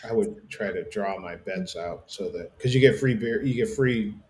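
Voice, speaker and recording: A man's voice: fairly low pitch, moderate pace, a little mellow, a little hiss or hum. A middle-aged man co-hosting a show, telling easygoing stories with dry humor. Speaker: radio co-host. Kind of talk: casual chat.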